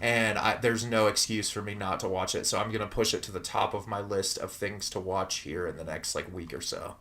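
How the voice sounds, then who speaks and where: A man's voice: lowish voice, steady tone, fairly quick, bright, forceful tone. A young man co-hosting a film podcast, easygoing and chatty, laughing often. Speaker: podcast co-host. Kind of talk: casual film chat.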